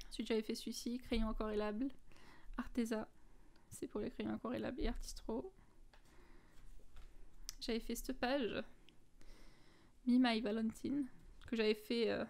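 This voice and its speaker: A woman's voice: a little high, vocal fry, darkish tone. A woman from France talking casually through her finished coloring pages, listing her art supplies with lots of fillers and self-corrections. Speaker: coloring book vlogger.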